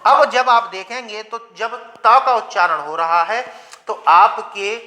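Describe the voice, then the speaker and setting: A man's voice: high voice, measured pace, sharp tone. A male grammar teacher lecturing to his viewers. He asks rhetorical questions, answers them himself, and leads them through pronunciation drills. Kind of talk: classroom-style lecture.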